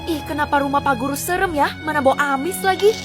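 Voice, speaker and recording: A woman's voice: high-pitched, fast talker. A woman narrating a cartoon story in a chatty, gossipy way. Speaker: voice-over narrator. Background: background music.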